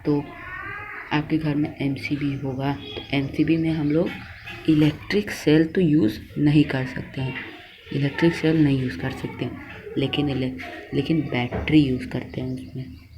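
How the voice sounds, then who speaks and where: A man's voice: fairly high pitch, fairly even intonation, unhurried, background noise. A man teaching a lesson, dictating notes to students word by word and correcting his own slips. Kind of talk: slow classroom lesson.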